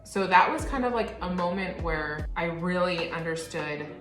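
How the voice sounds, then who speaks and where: A woman's voice: on the low side, moderate pace. A woman co-hosting a casual chat while doing her makeup, talking candidly and filling her speech with "like". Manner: candid, chatty, lots of "like" fillers. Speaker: co-host, post-op. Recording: echoey room with background music.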